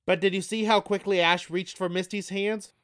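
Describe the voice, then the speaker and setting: Eager podcast co-host with a smooth voice. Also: male voice, sits high, level tone, normal speed, a bit bright, dry recording, studio quality. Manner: quizzing, eager to point out details. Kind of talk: casual podcast chat.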